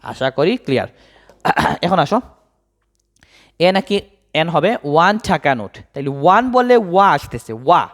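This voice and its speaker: A male English grammar teacher from Bangladesh. He explains the lesson by asking questions and answering them himself, dropping low and soft on each answer. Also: lively intonation, measured pace, pauses often.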